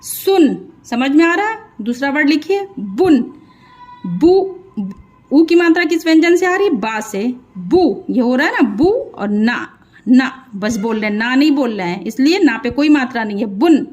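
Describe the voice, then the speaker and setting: A woman teaching young children to read, sounding out each syllable and repeating words slowly, with questions to the viewer. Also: sits high, expressive, a little mellow. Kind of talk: slow children's phonics lesson.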